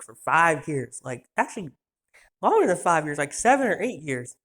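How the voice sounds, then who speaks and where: A woman in her twenties ranting through a casual storytime video, cursing freely, rambling, and laughing often. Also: lowish voice. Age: 20s. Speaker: vlogger.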